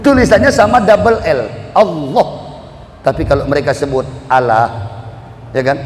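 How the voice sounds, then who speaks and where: A fairly high-voiced male preacher from the Bugis region, speaking with a lilt. He moves between quick jokes and long, sung Arabic verses. He is recorded in a large hall with long echoing reverb and a faint hum behind him. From Bugis, South Sulawesi. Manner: lively, joking, sings Arabic verses in a drawn-out chant. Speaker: Islamic preacher. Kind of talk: sermon to a live congregation. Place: large hall at a religious gathering.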